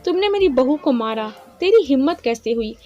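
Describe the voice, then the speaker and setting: A woman voicing a sharp-tongued older mother-in-law who scolds and bosses everyone, over a slightly dull recording with soft music. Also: high-pitched, animated, normal speed. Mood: fiercely protective. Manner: scolding, bossy.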